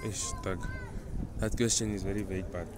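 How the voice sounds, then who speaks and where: A man's voice: deep voice, steady tone, fairly quick. A young man talking in a laid-back, slangy way in a casual street interview. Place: outdoor market square. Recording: crowd noise outdoors.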